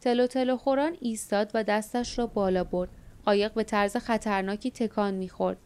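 A woman narrating an audiobook in a measured, steady reading. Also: mid-range voice, clear, resonant tone. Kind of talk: scripted narration.

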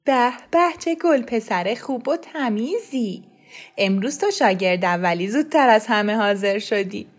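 A woman's voice: fairly high pitch, expressive. A woman voicing an affectionate elderly grandmother figure who praises and teases a little boy cheerfully.

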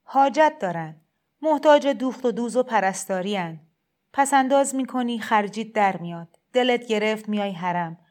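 A woman voicing a gentle, persuasive male shrine cleric in a storybook reading, speaking in a heavy, soft, kindly insistent way. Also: medium pitch, lively intonation, lightly acted. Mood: coaxing.

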